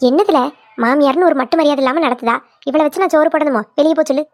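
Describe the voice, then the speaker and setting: A woman's voice: high-pitched, fast, no echo, natural voice. A woman voicing a scolding older village mother-in-law, in a cartoon. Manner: nagging, scolding. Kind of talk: cartoon voice acting.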